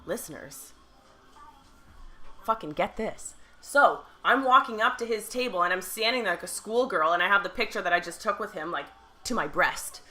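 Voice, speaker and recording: Bright, animated woman podcast co-host. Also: medium pitch, moderate pace, faint music behind. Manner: animated storyteller, swears freely. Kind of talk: casual chat.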